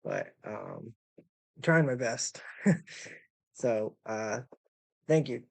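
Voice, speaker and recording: A man's voice: medium pitch, slow pace, a little mellow, no echo. A man chatting casually as a livestream host, rambling and apologetic, with slurred, lisping speech from missing teeth. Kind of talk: casual live stream chat and reactions.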